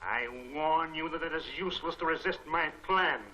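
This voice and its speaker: An actor playing a menacing male criminal mastermind whose voice is played back from a recording cylinder, with slow, commanding 1940s serial delivery. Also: on the high side, sharp tone, highs cut off. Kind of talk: 1940s film serial acting.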